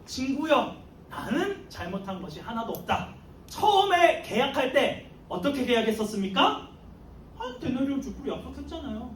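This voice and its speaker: A man voicing a middle-aged vineyard owner who answers calmly and firmly. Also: extremely high pitch, moderate pace, slight background noise. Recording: echoey room, mic far off.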